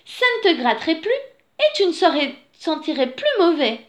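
A woman voicing a pretty, clean female bear who insists and scolds in a raised, high voice for a read-aloud storybook. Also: very animated, moderate pace. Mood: insistent.

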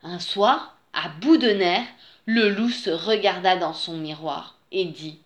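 A woman reading a children's picture book aloud in an expressive storyteller manner. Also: fairly low pitch. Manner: slow, expressive read-aloud.

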